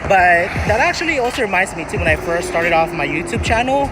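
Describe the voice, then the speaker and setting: A man's voice: high-pitched, animated, fairly quick, over music, rough recording. A man chatting casually as a vlogger, giving earnest, encouraging advice and rambling as he searches for words. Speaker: vlogger answering viewer questions.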